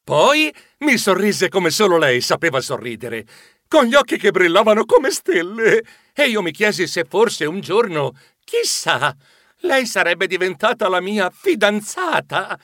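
Bright, lively storybook narrator man. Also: sits high, a little slow, no room sound, clean studio sound. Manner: expressive, flustered character voices.

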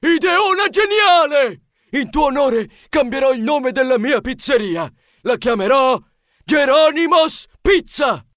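A shrill, excitable mouse chef. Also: male voice, measured pace, no room sound, studio quality. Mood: ecstatic shouting. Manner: shrill, squealing and exclaiming. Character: excitable male mouse pizza chef, high-strung. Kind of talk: audiobook character voice.

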